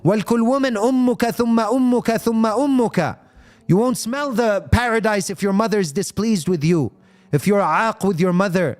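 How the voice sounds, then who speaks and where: Speaking at a racing pace, this man has a high-sitting voice with a somewhat dark tone. He is an Islamic speaker on a live stream, passionately discussing faith, taking viewers' comments, and weaving Arabic phrases and rhetorical questions into English.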